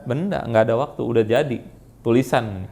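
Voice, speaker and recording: An Indonesian-accented man teaching an Arabic grammar class, quizzing students with quick questions and repeating their answers. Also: mid-range voice, gravelly, a little mellow. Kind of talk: classroom lesson.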